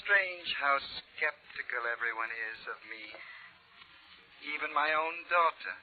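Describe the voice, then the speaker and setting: An actor playing a menacing executed mastermind back from death for vengeance, speaking with theatrical, deliberate emphasis in an old-time radio mystery. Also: male voice, a little high, expressive. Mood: cold threat. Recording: narrow-band vintage radio recording.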